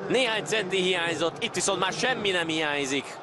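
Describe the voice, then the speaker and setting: A Hungarian man giving excited live football commentary, ready to break into shouts at key moments. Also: high voice, background noise.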